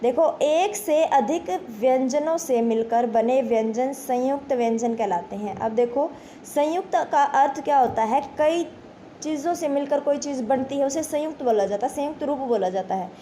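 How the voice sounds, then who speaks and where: A high-pitched woman teaches a grammar lesson to exam students. She talks to them as children, asks questions and answers them herself. Her tone is mellow, with faint noise in the background. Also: moderate pace. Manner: addresses pupils as children, repeats "ठीक है".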